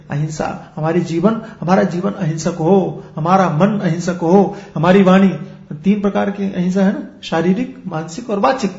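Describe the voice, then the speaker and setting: A man's voice: high voice, roomy sound. A man who is a spiritual teacher, giving a discourse and explaining with everyday examples and rhetorical questions.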